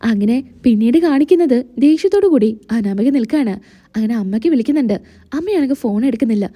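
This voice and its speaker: A woman narrating a recap of a TV serial in a steady, plain storytelling way. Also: a little high, brisk.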